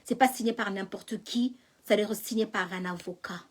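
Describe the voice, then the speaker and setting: A woman playing a weary male court clerk who brushes people off in a flat, low voice. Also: normal speed, natural voice. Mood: dismissive.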